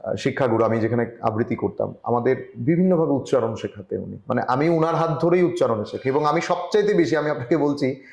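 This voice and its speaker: A man from Tripura, India, giving earnest advice as a journalist guest in an online interview, often pausing and restarting. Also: medium pitch, vocal fry, darkish tone, roomy sound, lo-fi sound. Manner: earnest, advising, with frequent hesitations. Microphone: video call.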